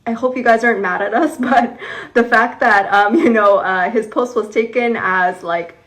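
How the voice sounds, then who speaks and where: A woman's voice: a little high, moderate pace, a bit bright. A woman from California, chatting casually to camera in an apologetic way. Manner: chatty, apologetic, lots of fillers. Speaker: co-creator of a couple's channel.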